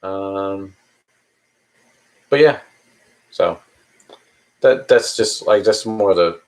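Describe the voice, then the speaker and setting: Speaking very slowly in a low voice over poor audio, this man in his thirties fields viewer questions on a live stream. His casual answers ramble and hesitate, with frequent restarts.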